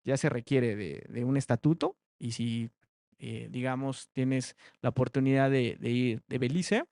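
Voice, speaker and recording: A man's voice: mid-range voice, measured pace, warm tone, no echo. A man giving a classroom research presentation, talking conversationally with many fillers and tag questions.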